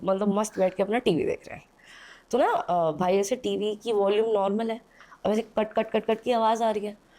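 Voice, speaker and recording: A woman's voice: medium pitch, mellow. A young woman, a podcast guest, telling a story in a chatty, casual way, with hesitant fillers and frequent "okay?" check-ins. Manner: chatty, checks in often with "theek hai". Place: indoor podcast studio.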